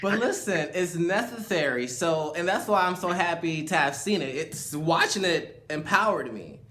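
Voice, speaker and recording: A man's voice: fairly high pitch, lively intonation, normal speed, sharp tone. A man hosting a casual chat, speaking reflectively, with loose phrasing and many fillers. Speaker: host.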